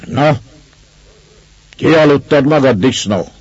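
A man voicing a gruff, quick-tempered burly landowner who barks orders. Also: medium pitch, no echo, muffled recording, voice pushed up, natural voice. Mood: stern. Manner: barking commands, shouting.

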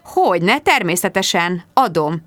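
A woman voicing a reserved, awkward, polite man, hesitant and formal in a slightly lowered, quieter voice. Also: sing-song, no echo, exaggerated voice. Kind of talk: audiobook character voice.

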